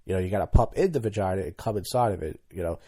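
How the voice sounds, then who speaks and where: Thirtysomething guy rambling solo on his podcast, soft dark tone, keeps repeating himself. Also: low-pitched, racing, breathy edge. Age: 30s. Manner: rambling, candid, stumbles and repeats words. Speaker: podcast host. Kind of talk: casual solo monologue.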